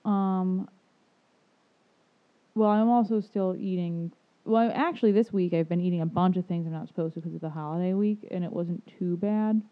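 A woman co-hosting a casual podcast, chatty and quick to agree. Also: fairly low pitch. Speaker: podcast co-host. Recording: tinny phone-like line.

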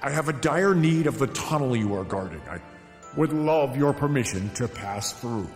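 A man's voice: medium pitch, animated, moderate pace, echoey room, big-room sound, faint music behind, close to an everyday voice. A man voicing a flustered young king in a storybook tale, stammering and pleading.

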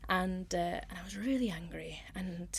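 A woman's voice: lowish voice, moderate pace, gravelly, husky. A woman, a playwright and guest, telling a story in conversation. She is frank and self-deprecating and swears casually.

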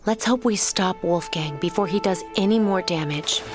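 A woman voicing a calm young queen with ice powers who talks in a composed, reassuring way in an audio drama. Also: lowish voice, normal speed, lightly acted. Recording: studio audio drama with music.

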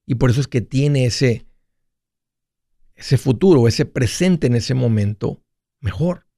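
A man's voice: mid-range voice, lively intonation, slow, vocal fry, dark tone, no room sound, studio quality. Jokey man in his forties. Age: 40s. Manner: playful, jokey, restarts mid-phrase. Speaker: radio finance host. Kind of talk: casual monologue.

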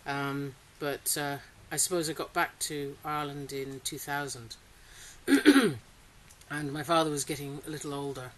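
Inside a farm polytunnel, rain patters on the plastic and a faint hiss runs through the poor audio. A middle-aged woman who grew up in Singapore answers interview questions about her farm in a low voice at a measured pace, casual and chatty, laughing a lot and leaning on fillers as she hesitates.

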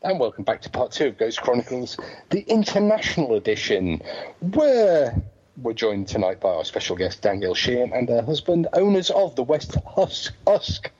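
A man's voice: mid-range voice, sing-song, moderate pace, darkish tone. A man co-hosting a paranormal radio show with casual, bantering talk. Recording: dull lo-fi audio.

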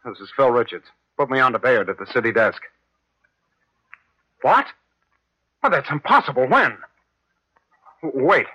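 A brash young newspaper reporter in an old radio drama, with a bright, forceful voice. He talks quickly and urgently. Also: medium pitch, very animated, husky, lo-fi sound, heavily acted. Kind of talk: 1950s radio drama acting.

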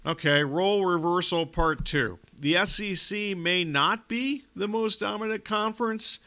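A man hosting a sports radio show, relaxed and joking about his own slips as he sets up questions. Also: sits high, unhurried.

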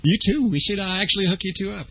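Male radio host, casual call-in style, higher voice with animated swings. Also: racing, slightly rough, dry recording. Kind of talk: casual call-in show hosting.

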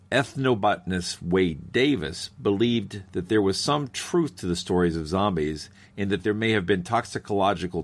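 Male science podcast host, low-pitched and very lively, with a bright, curious delivery. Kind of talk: scripted narration and interview for a science show.

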